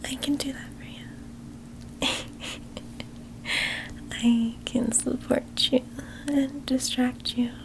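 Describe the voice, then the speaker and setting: A very slow, soft spa-like whisper in an ASMR whispered role-play. A woman plays an affectionate childhood best friend, tender and lightly teasing. The voice sits fairly high and soothes as it guides the listener to relax. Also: little pitch movement, vocal fry, full character voice, rough recording. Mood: playful teasing.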